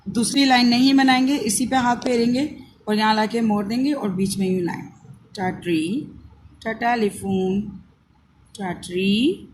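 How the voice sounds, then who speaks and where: A woman from Pakistan with a Pakistani Urdu accent, teaching young children to write and sound out letters in slow, repeated steps. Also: fairly high pitch, noisy background. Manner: slow, repetitive step-by-step instruction. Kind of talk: handwriting and phonics lesson for young children.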